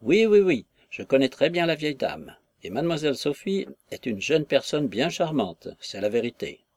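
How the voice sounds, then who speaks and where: A man's voice: mid-range voice, very animated, normal speed. A man voicing a chatty, gossiping female innkeeper who rattles on with exclamations, in an audiobook reading of a classic novel. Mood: gossipy. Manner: garrulous, wheedling, full of exclamations.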